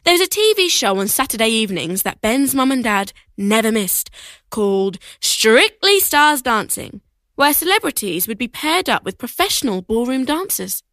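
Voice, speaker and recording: Animated woman reading book excerpts. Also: on the high side, normal speed, no echo. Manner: expressive, animated storytelling. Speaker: reader.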